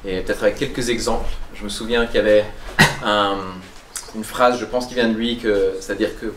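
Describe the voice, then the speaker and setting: A man's voice: fairly low pitch, little pitch movement, brisk. A man asking the speaker a question after a talk, searching for his words and restarting often. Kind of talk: question from the floor. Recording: distant, roomy and noisy.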